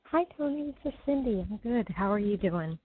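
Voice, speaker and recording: A woman heard over a thin, tinny phone line, calling in from home. She talks in a casual, hesitant way, stopping on ums and starting her sentences over. Her voice sits at an ordinary middle pitch for a woman. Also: animated, a little fast, slight background noise. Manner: hesitant, with many ums and restarts. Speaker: caller to a psychic advice show. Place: at home during a thunderstorm.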